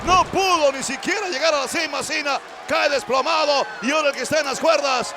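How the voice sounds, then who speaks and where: Male wrestling commentator, very high excited pitch, clipped shouted calls of each move, over a loud roaring arena crowd. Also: fairly quick. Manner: shouted, short staccato calls.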